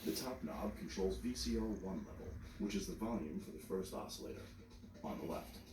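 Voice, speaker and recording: Male tutorial narrator, low register, measured scripted instruction, recorded roomy and at some distance. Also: animated. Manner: measured step-by-step explaining. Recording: roomy, distant mic, music behind.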